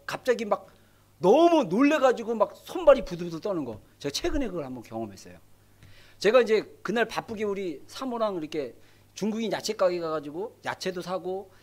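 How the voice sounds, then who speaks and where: A middle-aged man preaching a sermon as pastor in a church, dramatic, acting out scripture quotes and rising to shouts. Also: high voice. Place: church sanctuary.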